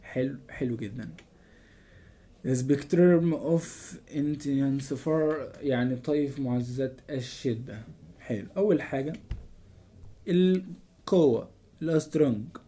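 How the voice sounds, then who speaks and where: A man with an Egyptian Arabic accent explains a lecture from slides as a student tutor. His voice is dark and mellow at a middling pitch. He stumbles over English terms and then gives the translation of each. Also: takes it slowly, pauses often.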